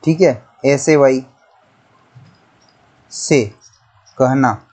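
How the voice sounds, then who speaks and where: A man's voice: medium pitch, drawn-out words, darkish tone. A man teaching an English grammar lesson, methodical and repetitive, spelling words out letter by letter. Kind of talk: classroom-style lesson explaining pronunciation.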